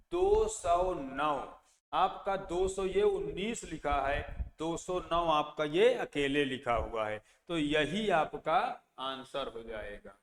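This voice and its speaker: Man, math teacher, slow and deliberate, slightly high voice, reverberant hall. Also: fairly bright tone. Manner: slow, repeats place values and asks then answers his own questions. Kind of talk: exam-prep math lesson. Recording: echoey room with long reverb, faint background noise.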